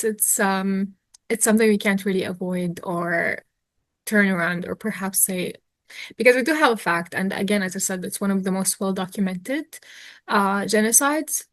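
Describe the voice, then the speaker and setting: A woman's voice: mid-range voice, no room sound. A woman, answering interview questions earnestly, thinking aloud with fillers and restarts. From Jordan. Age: 20s. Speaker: interview guest, activist.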